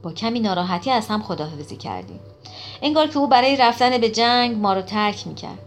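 Woman narrating an audiobook over music. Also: on the high side. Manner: expressive storytelling.

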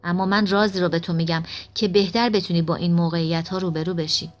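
A woman reading the lines of a calm, wise female guide in an audiobook, speaking gently and reassuringly. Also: lowish voice, slight background noise, natural voice.

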